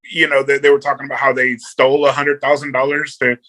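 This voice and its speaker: A man's voice: medium pitch, flat delivery, fast talker, sharp tone, rough recording. A man, a guest on a movie review podcast, talking casually and rambling, repeating words and saying "you know" a lot.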